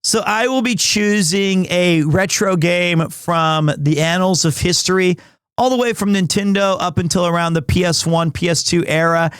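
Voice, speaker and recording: An American livestreamer with a loud, high, big voice chats casually with his viewers from a home stream room in an apartment, rambling and restarting often. His tone is clear and resonant and his pace moderate, with clean studio sound and no room sound.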